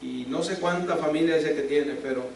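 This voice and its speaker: A man delivers an emphatic sermon in a fairly high voice, firing off rhetorical questions at the congregation. He sounds set back from the microphone, and his voice rings through a very echoey church hall over a faint room hum. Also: moderate pace, vocal fry, a little mellow. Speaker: pastor. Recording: echoey hall, speaker far from mic.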